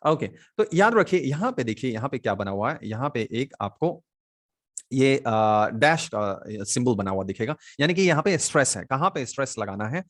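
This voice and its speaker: Indian guy teaching english in hindi, slow explaining, repeats words, lots of "है ना". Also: medium pitch, sing-song, a bit bright. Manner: explains slowly, repeats example words, frequent "है ना" and "ठीक". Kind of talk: online English lesson in Hindi.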